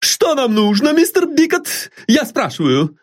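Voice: high voice, very animated, a little slow, pitched above the performer's own voice. A reader voicing a cheerful, loyal, bustling maid in an audiobook. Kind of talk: audiobook reading.

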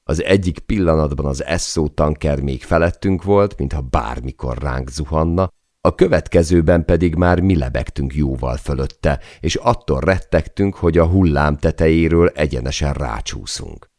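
A man narrates an audiobook in a steady, dramatic manner. His voice sits extremely low with a gravelly texture. The recording is dry and close with no room sound. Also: no echo. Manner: measured, dramatic storytelling.

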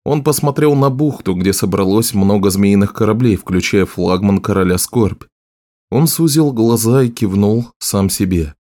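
A man's voice: lowish voice, normal speed. Man narrating a fantasy audiobook. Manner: steady, even reading. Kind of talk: scripted narration.

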